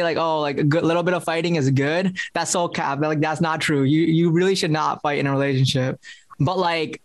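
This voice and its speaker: A man's voice: fairly high pitch, dry recording. Laid-back man in casual chat. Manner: laid-back, loose, heavy on "like" fillers. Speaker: podcast co-host.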